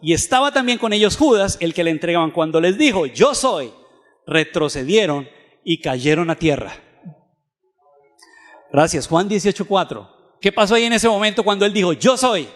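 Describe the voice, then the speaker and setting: A man's voice: high-pitched, expressive. A man giving a Bible teaching lecture, reading scripture aloud and asking his audience frequent questions. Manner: reads scripture aloud, slowing on verses. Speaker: theology seminar lecturer. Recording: long hall reverb.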